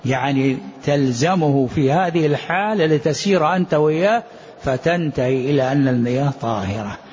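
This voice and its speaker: A man with a mid-range, darkish voice teaches Islamic jurisprudence, walking his listeners through a text. He raises rhetorical questions and resolves them himself, while the dull lo-fi recording carries a little hiss or hum.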